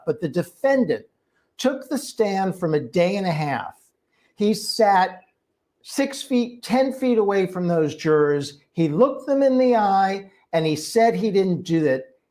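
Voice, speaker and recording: A man's voice: a little high, darkish tone. Emphatic male legal commentator. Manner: emphatic, rhetorical, builds points by repetition. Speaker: litigator, legal panelist.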